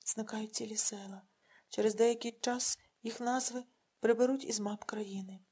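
A woman's voice: fairly high pitch, brisk, breathy edge. A woman voicing an agitated, defiant male village party organizer speaking out fiercely. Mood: hushed warning. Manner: excited, fierce.

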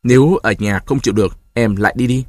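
A man voicing a calm, sardonic husband in his forties. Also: mid-range voice, fast talker, no room sound, clean studio sound, lightly acted. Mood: cool. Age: 40s. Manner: cool, mocking, then gentle with his child.

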